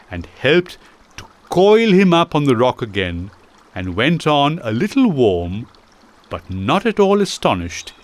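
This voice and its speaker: A man narrating a classic children's story in a slow, theatrical reading style. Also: medium pitch.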